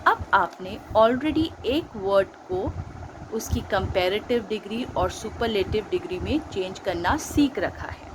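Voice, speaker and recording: A school teacher with an Indian accent patiently explains grammar in a recorded online lesson, mixing Hindi and English and quizzing her pupils with questions. Her medium-pitched voice is animated yet a little slow, over a noisy background.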